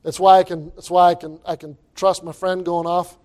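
A man preaching a sermon as pastor into a pulpit microphone, emphatic and repeating his words as he builds to loud exclamations. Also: sits high, flat delivery, moderate pace.

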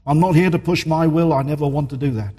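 A man's voice: fairly high pitch, quick pace, warm tone, breathy edge, long reverb tail. A man preaching a sermon as a minister in a church, earnest and emphatic, repeating his key points.

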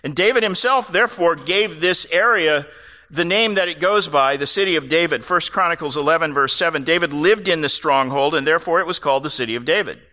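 A man's voice: a little high, a little fast, sharp tone. A man preaching a sermon, explaining scripture passages with casual asides to the congregation. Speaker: pastor. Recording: long reverb of a large hall.

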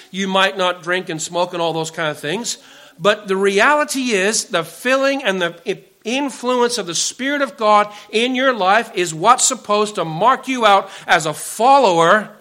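Male pastor, sermon delivery, high-pitched and bright, earnest, stacks up emphatic lists.

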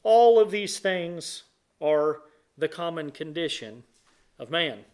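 Guy preaching a sermon in church, kinda high voice, earnest, lots of pauses. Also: darkish tone, smooth. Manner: earnest preaching, pausing between phrases. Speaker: pastor. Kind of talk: sermon and prayer.

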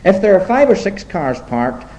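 A man preaching a sermon to his congregation, deliberate and emphatic, slipping into wry, self-deprecating asides. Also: high voice, sing-song, darkish tone, poor audio.

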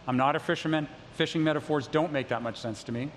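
A middle-aged male pastor delivers a sermon in a relaxed, conversational way, slipping in self-deprecating asides to the congregation. His voice sits a little high for a man. The sound carries a long reverb from a big hall, with a faint hiss underneath. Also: fast. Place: church sanctuary.

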